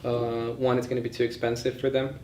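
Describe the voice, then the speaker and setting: Born in Bulgaria and raised across several countries, this man gives an informal lecture indoors in a session room, thinking aloud in a chatty, opinionated way. His voice sits at medium pitch with a darkish tone, and his delivery is completely flat and a little fast. The room is echoey, with faint background noise.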